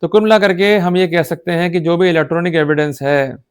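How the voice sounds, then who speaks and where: With a fairly high, smooth voice and a steady tone, an Indian-accented man moves fairly quickly through an explanatory law lecture in Hindi mixed with English legal terms. He's didactic and emphatic, often asking brief questions to see that listeners follow.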